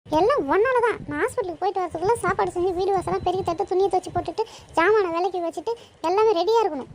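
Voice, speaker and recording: A woman's voice: very high-pitched, racing, a little hiss or hum. A woman voicing a busy cartoon mother who scolds and nags her two daughters. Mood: nagging. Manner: scolding, nagging. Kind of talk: cartoon voice acting.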